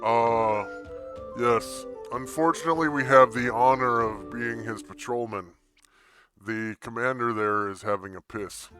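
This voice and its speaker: A man's voice: medium pitch, measured pace, pushed and bright, soft background music. A man speaking through a voice changer as a young male wizard in a tabletop game, bantering crudely. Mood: teasing. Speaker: tabletop player. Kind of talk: in-character roleplay.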